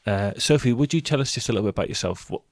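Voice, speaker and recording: A man's voice: mid-range voice, animated, very fast. A man hosting a podcast, interviewing in an upbeat, conversational style. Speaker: podcast host.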